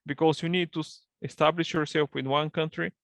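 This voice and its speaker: A Bulgarian man, a partnership manager appearing as a guest in an online interview over video call, explains things in careful, fluent second-language English. His voice is on the high side, fairly even in intonation, a little fast, with vocal fry, and the sound is dry and close with no room sound.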